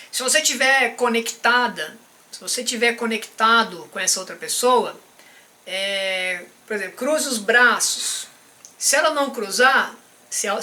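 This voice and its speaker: A behavior and emotional intelligence coach with a Brazilian Portuguese accent teaches in a live stream, addressing the viewer directly and often checking in with a quick "tá?". His voice is very high-pitched with a sharp tone.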